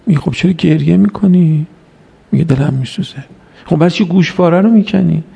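A man delivering a religious sermon with a gravelly, slightly high voice. He exhorts his audience, asks them pointed rhetorical questions, and slips into slow recited Arabic verses. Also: dark tone. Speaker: preacher.

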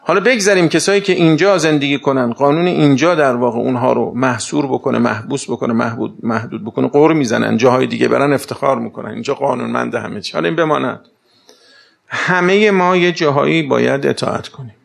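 Gravelly man lecturing with rhetorical questions. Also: medium pitch. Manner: rhetorical questions and lively anecdotes. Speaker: speaker giving a talk. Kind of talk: conversational lecture.

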